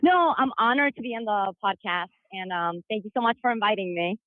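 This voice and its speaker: A woman's voice: mid-range voice, animated, fairly quick, no echo. A woman from Chile, a podcast guest, telling her own story in an earnest way with some fillers. She has a mid-range voice heard over a thin, phone-like line, dry and close. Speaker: interview guest. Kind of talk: personal story in an interview.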